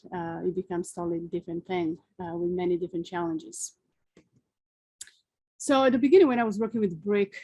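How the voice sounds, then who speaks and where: A woman in her forties, a Serbian sculptor with a Serbian accent, speaks outdoors in a careful, unhurried webinar presentation full of fillers. Her voice sits on the low side and has a dark tone.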